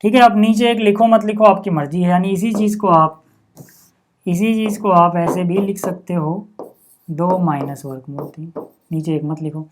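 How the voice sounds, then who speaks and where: A man's voice: high-pitched, fairly even intonation, normal speed, a little hiss or hum. A man teaching a maths lesson. He works through each step patiently, poses rhetorical questions to the class and answers them, keeps checking in, and mixes English maths terms into his explanations. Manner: frequent checking-in with "okay" and "see".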